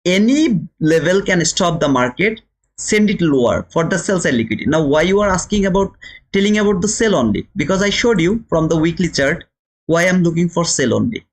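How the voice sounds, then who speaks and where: A man with a Bangladeshi accent and a slightly high, expressive voice talks a little fast while hosting a live trading lesson. As the trading teacher and livestream host, he addresses viewers with emphatic instructional commentary, repeating phrases and asking rhetorical questions.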